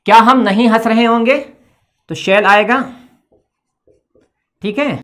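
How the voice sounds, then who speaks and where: A woman's voice: a little high, takes it slowly. A woman teaching English grammar at a board, explaining patiently step by step, checking in after each point and spelling words letter by letter. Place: indoor classroom with a board.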